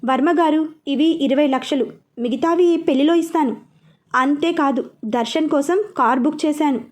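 A self-assured young woman who comes straight to the point, as a woman storyteller plays her. The voice is high and clear and the delivery composed. She sounds close to the teller's own voice. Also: normal speed, a little mellow, close to an everyday voice. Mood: firm. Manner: direct, composed. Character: confident young woman, famous dance master.

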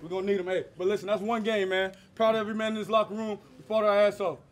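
A man's voice: high voice, level tone, very fast. A man rallying his football team in a huddle with an urgent, raised-voice pep speech, swearing as he goes. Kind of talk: locker-room pep speech. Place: crowded team locker room. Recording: crowded room, off-mic team huddle.

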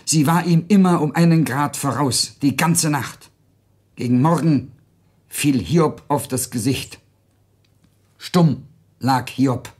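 A man reading literary narration aloud in a measured, solemn way. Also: on the high side, a little mellow, breathy edge.

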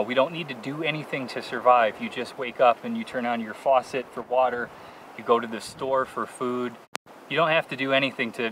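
Man, mid-pitched, casual and reflective, narrating a solo hike outdoors on a camera mic. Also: fairly bright tone, a little hiss or hum. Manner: easygoing, rambling, reflective, with frequent "uh" and "like". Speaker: solo thru-hiker filming his trip. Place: outdoors in open desert.

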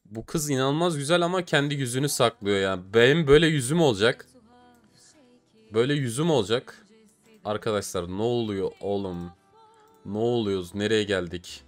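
A man with a Turkish accent doing casual, animated commentary while opening game cases, groaning and swearing at his losses. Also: fairly low pitch, brisk, soft background music. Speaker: gaming YouTuber.

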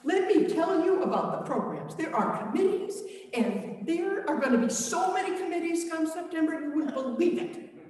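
A woman playing overexcited male disciples in a booming hall. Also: moderate pace. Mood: excited. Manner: breathless, excited rush of plans. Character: frantic, overeager male disciples back from a mission. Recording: echoey church, mic far off.

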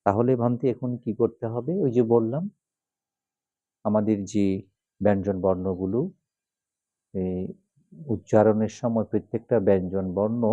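A Buddhist monk, patiently explaining chant pronunciation and slowly reciting the refuges. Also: male voice, lowish voice, no echo, narrow, tinny audio. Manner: measured, patient, repeats and spells out syllables.

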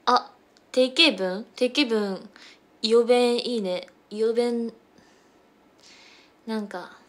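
A woman's voice: fairly high pitch, very slow, a little hiss or hum. Young woman chatting on a livestream. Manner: chatty, switches between regional dialects. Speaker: idol livestream host. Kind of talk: casual livestream chat with viewers.

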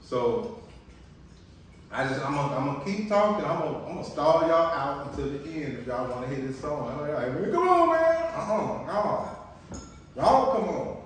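On the high side and at a moderate pace, a family-vlog co-host and husband chats casually to camera at breakfast, bantering playfully with lots of restarts. The audio is echoey and faintly noisy, picked up by a distant mic.

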